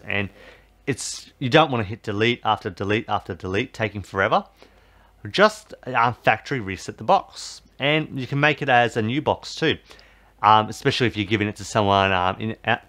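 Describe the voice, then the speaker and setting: Walking viewers through a TV box reset, a male tech tutorial host speaks in a low, slightly bright voice in a casual voice-over. His explanation wanders, stuffed with fillers and constant uses of "basically" and "obviously."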